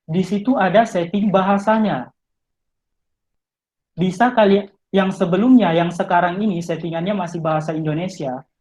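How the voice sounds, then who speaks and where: A man's voice: high-pitched, darkish tone, rough recording. A male English tutor giving study tips in an online talk, explaining step by step and speaking straight to his listeners. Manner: explanatory, addresses listeners directly. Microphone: video call.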